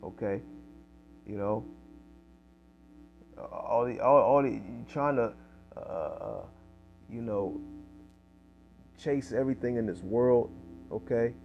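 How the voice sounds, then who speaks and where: Low gravelly guy preaching, dark tone, faint music underneath. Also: takes it slowly, pauses often, muffled recording. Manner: fills with "man" and "okay?", reads verses louder. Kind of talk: street-style sermon reading scripture.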